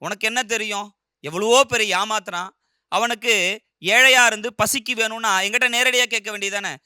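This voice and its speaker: Casting: man voicing a stern, scolding husband, high and bright, crisp and dry. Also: fairly even intonation, a little fast, no echo. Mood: lecturing. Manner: scolding, insistent. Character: stern middle-aged husband, suspicious and lecturing.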